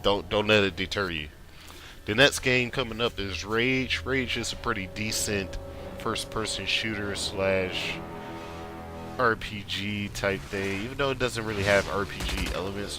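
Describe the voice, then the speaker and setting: A man's voice: low-pitched, steady tone, moderate pace, loud music behind the voice. A man with a slightly sniffly, congested voice gives casual, rambling commentary over video game footage in an offhand, colloquial way. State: sniffly with a mild cold, occasional coughing. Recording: clearly noisy voice-over recording.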